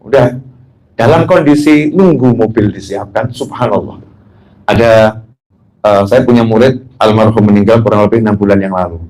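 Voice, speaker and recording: A man's voice: on the low side, moderate pace, a little mellow, rough recording. A man preaching as a habib, telling anecdotes, joking and asking the audience questions. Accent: Indonesian. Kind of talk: religious talk.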